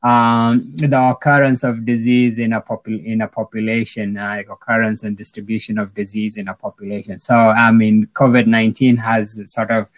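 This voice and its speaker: A middle-aged man from South Sudan, an epidemiologist answering interview questions in a halting way with many fillers and restarts. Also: on the low side, little pitch movement, dry recording, rough recording. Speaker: epidemiologist guest.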